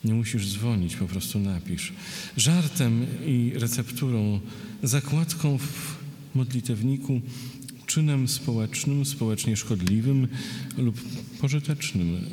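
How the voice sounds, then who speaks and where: A man giving a poetry reading, slow and deliberate, with hesitant fillers between his remarks. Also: medium pitch, dark tone. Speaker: poet reading his poems. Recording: roomy hall with long reverb.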